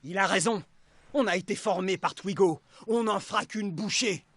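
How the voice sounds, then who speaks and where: Cocky knight grunt, husky and kinda high, dry sound. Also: male voice, moderate pace, a bit bright, no echo. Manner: boastful. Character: cocky young knight soldier.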